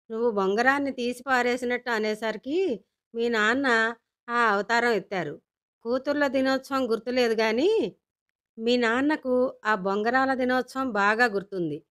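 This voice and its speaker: A woman's voice: a little high, a bit bright, close to an everyday voice. A woman voicing an exasperated, practical mother. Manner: explaining patiently, with dry grumbles.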